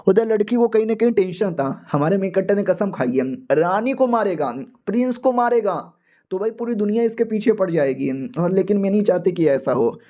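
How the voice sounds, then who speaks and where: A man's voice: high voice, expressive, brisk, few pauses, warm tone. A man narrating a story recap in a chatty, slangy, joking way. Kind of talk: casual comic story recap.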